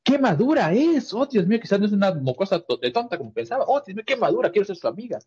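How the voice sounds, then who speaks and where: A man's voice: sits high, very animated, quick pace, a little mellow, husky, voice pushed up, full character voice. Man doing a gushing little rich girl. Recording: dull lo-fi sound.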